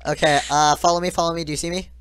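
A man hosting gaming commentary with a friend, hoarse from being sick, chatty and yelping when chased. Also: on the high side, steady tone, racing, a bit bright, a little hiss or hum. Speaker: gaming channel host.

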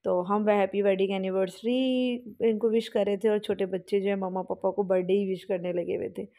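A woman's voice: medium pitch, fairly even intonation, brisk, warm tone. A young woman vlogger giving a chatty, rambling voice-over about a family outing, with fillers and restarts.

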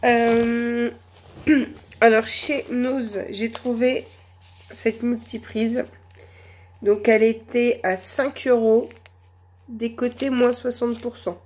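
A woman with a cold and a hoarse voice, chatting slowly and hesitantly through a shopping haul. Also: on the high side, little pitch movement, darkish tone. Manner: hesitant, many fillers, slow and chatty. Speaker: vlogger. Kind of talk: casual shopping haul vlog.

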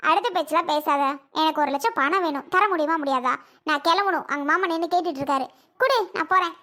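A woman's voice: fast, pushed and bright. A woman playing a quarrelsome young woman who argues defiantly and demands money in a family skit. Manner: shrill, defiant arguing.

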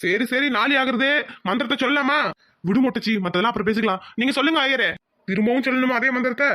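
A voice actor playing a calm, patient temple priest in a cartoon, chanting formally. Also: medium pitch, fast talker, no echo, studio quality, natural voice. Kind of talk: Tamil cartoon voice acting.

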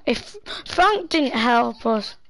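Woman, high voice, gravelly edge, excitable gaming chat, bossy calls, faint music behind. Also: takes it slowly, a little hiss or hum, low-quality recording. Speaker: gamer. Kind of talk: live gameplay chat with teammates.

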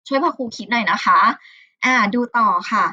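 High, bright-voiced Thai woman teacher. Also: normal speed, no echo, dull audio. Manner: warm, chatty, many polite "ná khá" tags. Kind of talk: storytelling lesson for children.

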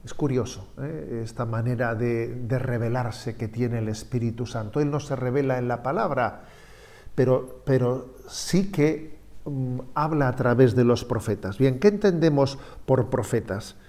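A man's voice: medium pitch, measured pace, darkish tone. A man, a bishop explaining the catechism in a teaching talk, often adding "eh" and "¿no?" asides. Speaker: bishop giving catechism talks.

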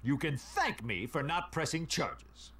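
A man's voice: a little high, very animated, a little slow, fairly bright tone. Harvey Birdman, cartoon lawyer. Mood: formal. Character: earnest, slightly clueless cartoon superhero lawyer. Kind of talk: video game cutscene voice acting.

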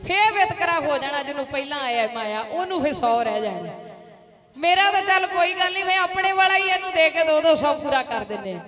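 A woman's voice: high-pitched, sing-song, fairly quick. A woman dhadi singer and storyteller performing a fervent, declamatory religious tale for a congregation at a live gathering. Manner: fervent, declamatory, rising to loud climaxes.

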